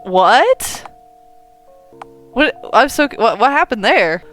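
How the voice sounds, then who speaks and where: A young woman making gaming videos plays through a visual novel, reading the game's dialogue aloud and reacting in an excitable, gushing way while swearing freely. Her voice is a little high and slow, with music playing behind it.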